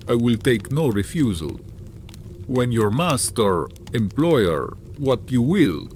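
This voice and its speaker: An actor playing a sinister, courteous vampire count in an audiobook drama, with formal, deliberate, archaic speech and lingering pauses. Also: male voice, mid-range voice, darkish tone, slight background noise. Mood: commanding.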